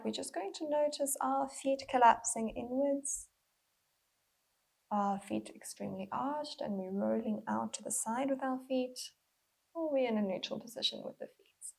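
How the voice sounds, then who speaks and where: In a rough recording, a mindful movement instructor leads a guided body scan. Her breathy, slightly husky voice sits high, and she speaks gently and unhurriedly, with pauses.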